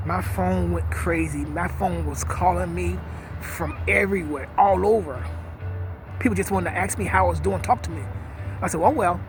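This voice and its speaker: Fifties guy talking to camera outside, kinda high voice, sad and earnest, music under it. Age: 50s. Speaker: vlogger. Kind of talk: personal reflective monologue.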